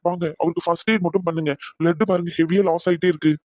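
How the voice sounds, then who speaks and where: A woman's voice: fairly low pitch, fairly even intonation, racing, darkish tone, no echo, lightly acted. A woman voicing a practical hospital doctor in a cartoon dub, matter-of-fact in tone. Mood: urging.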